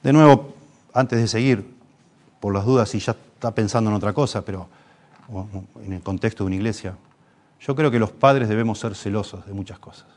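A man's voice: lowish voice, a little fast, a little mellow. Impassioned Rioplatense preacher, man. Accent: Rioplatense Spanish. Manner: impassioned, rising emphasis with frequent restarts. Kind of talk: sermon.

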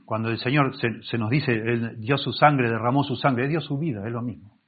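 Male pastor, expository sermon, husky voice, narrow phone-like sound, restarts words as he explains. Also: medium pitch, moderate pace. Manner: reads scripture aloud and explains it, with many self-corrections. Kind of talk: Bible-teaching sermon. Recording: tinny phone-like recording.

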